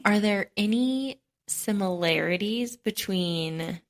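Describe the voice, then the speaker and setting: A woman's voice: medium pitch, slow pace. A woman hosting a podcast, chatty and playful as she asks her guest questions. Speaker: podcast host. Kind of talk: podcast interview.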